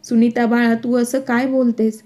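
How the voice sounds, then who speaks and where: A gentle middle-aged father, calm and conciliatory, voiced by a woman reader. Fairly high, even and mellow, in a narrated storybook. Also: normal speed, close to an everyday voice.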